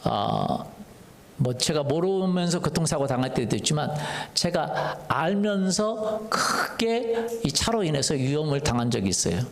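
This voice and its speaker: A man's voice: a little high, big pitch swings, unhurried, gravelly. A man preaching a Sunday sermon as pastor, often putting questions to his congregation and telling a personal story in a conversational way. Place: church sanctuary. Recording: echoey church hall reverb.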